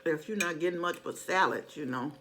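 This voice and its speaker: A woman's voice: low-pitched, fairly quick, fairly bright tone, slight background noise. A middle-aged woman in casual, rambling chat to her viewers, conversational and emphatic when she makes a point. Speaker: mukbang vlogger.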